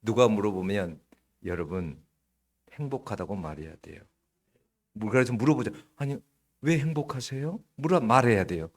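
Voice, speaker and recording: A man preaching a sermon as pastor, asking the congregation direct questions and swinging between loud and hushed delivery. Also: on the low side, lively intonation, moderate pace, pauses often.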